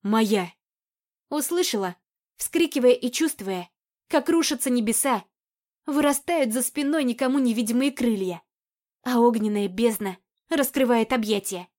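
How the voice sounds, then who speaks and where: A woman narrating a first-person romance audiobook in an intimate, even, unhurried reading. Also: fairly high pitch. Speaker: audiobook reader.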